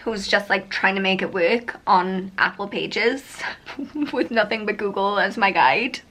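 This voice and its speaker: A young woman vlogging casually to camera, chatty and excitable, rambling with lots of "like"s and sounding tired. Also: medium pitch, unhurried. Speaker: vlogger and author. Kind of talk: casual vlog chat to camera.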